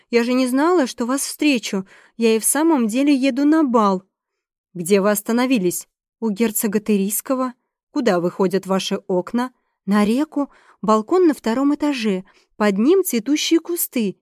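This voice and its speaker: A woman voicing a timid, romantic eighteen-year-old noble girl who pleads and frets in a high, rising voice. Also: lively intonation, normal speed, a little mellow, dry recording, clean studio sound, natural voice. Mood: flustered.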